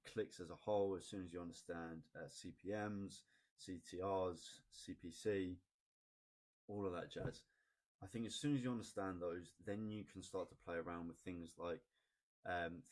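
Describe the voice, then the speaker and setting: A man explaining ad data in a casual, chatty screen-recorded tutorial, often asking "right?" and pausing on "um". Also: low-pitched. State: has the hiccups. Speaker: online marketing tutor.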